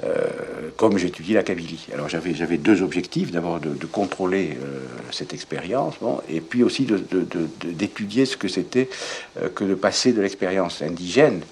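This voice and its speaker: An older man with a low, deep voice, answering interview questions in a reflective, halting way. He gropes for words and restarts his sentences as he thinks aloud. A faint noise runs beneath him. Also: expressive, a little mellow. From southwest France.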